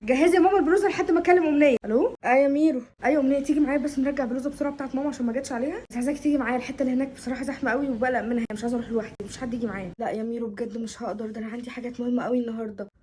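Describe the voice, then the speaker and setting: A young woman with an Egyptian accent, acting out several friends in a comedy sketch with quick, expressive delivery. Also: sits high, a little hiss or hum. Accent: Egyptian Arabic.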